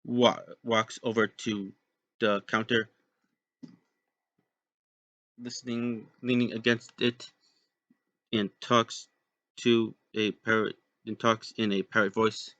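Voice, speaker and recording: A man reading a story aloud, halting with frequent restarts. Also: lowish voice, little pitch movement, fairly bright tone, no room sound. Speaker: storybook narrator.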